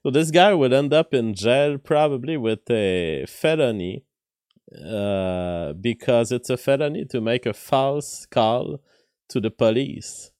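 A man with a weak voice, hosting a casual livestream commentary in halting, deliberate phrases. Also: medium pitch, darkish tone, dry recording, studio quality. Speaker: livestream host. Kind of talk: casual livestream commentary, reading viewer messages.

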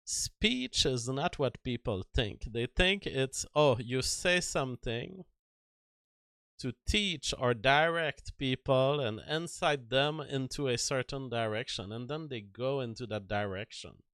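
Bright, crisp-voiced man on a livestream. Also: medium pitch, slow, dry recording, clean studio sound. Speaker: livestream host. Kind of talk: opinionated solo livestream commentary.

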